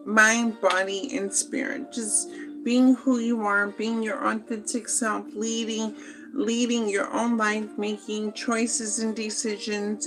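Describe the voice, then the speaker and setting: Slow, gravelly woman reading tarot. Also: medium pitch, low-quality recording. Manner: slow, meandering, many fillers. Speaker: tarot reader.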